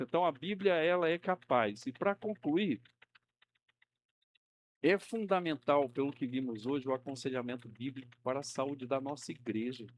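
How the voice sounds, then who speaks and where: This Sunday school teacher, speaking in a church classroom, has a slightly high voice over a bit of hiss or hum. He keeps things conversational, checking on his class with frequent "né?" tags, and raises his voice to play the characters he quotes.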